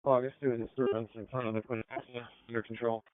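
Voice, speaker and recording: A man's voice: medium pitch, level tone, fast talker. A man reporting from the field as an emergency responder over two-way radio. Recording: noisy, narrow-band radio with clicks.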